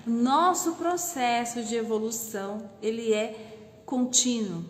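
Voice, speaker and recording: High-voiced Brazilian woman in an echoey room. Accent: Brazilian Portuguese. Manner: emphatic, rhetorical questions, frequent "né?" and "tá?". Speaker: self-development coach. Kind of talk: casual live-stream lesson.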